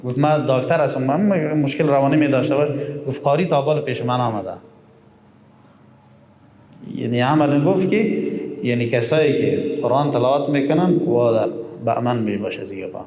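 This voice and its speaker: A man teaching Quran recitation, explaining rules and chanting verses slowly. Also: mid-range voice, darkish tone. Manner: explains slowly, then chants verses in long drawn-out tones. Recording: echoey room with long reverb.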